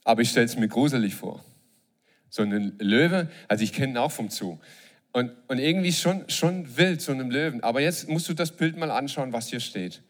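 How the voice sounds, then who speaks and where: A man at a moderate pace and medium pitch delivers a sermon to a live congregation. His manner is lively as he jokes and asks the crowd questions.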